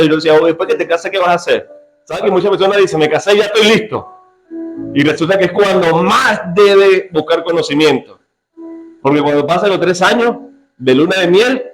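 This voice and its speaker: Male pastor, slightly high voice, playful sermon delivery with faint music behind. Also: low-quality recording. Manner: lively, joking preacher who quizzes his congregation. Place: church.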